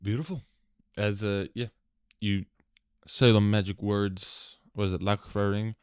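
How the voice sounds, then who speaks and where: A man's voice: on the low side, steady tone, unhurried, a little mellow, clean tone, dry recording, studio quality. A man narrating a tabletop game as game master, casual with many fillers.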